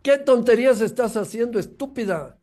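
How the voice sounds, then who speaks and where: A man voicing an angry mother harshly yelling insults at her small daughter. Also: sits high, fairly quick. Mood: furious scolding.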